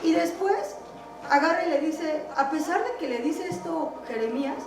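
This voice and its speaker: A woman preaching in a high, bright voice, telling a Bible story and turning to quiz the congregation. Her voice carries through a roomy, echoing hall, picked up from some way off the mic. Music plays clearly behind her. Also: lively intonation, normal speed, distant mic, noisy background. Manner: quizzes the congregation with questions. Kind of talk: sermon retelling a Bible story. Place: church meeting hall.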